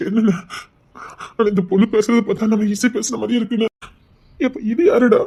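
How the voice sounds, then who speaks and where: A woman's voice: on the high side, steady tone, fairly quick, warm tone, husky. A woman voicing an anxious older man of the family in an audio drama, urgent and flustered as he barks orders. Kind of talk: Tamil serial-style audio drama.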